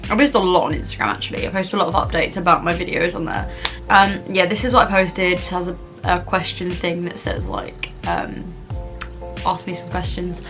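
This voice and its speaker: A woman's voice: on the low side, animated, moderate pace, a bit bright, faint music behind. A young adult woman with a southern English accent chats casually in a rambling, informal mukbang vlog. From England, Kent. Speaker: vlogger answering viewer questions.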